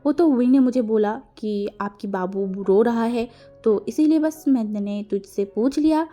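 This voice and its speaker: A woman's voice: on the high side, unhurried, mellow, soft background music, close to an everyday voice. A woman doing a bustling, motherly aunt.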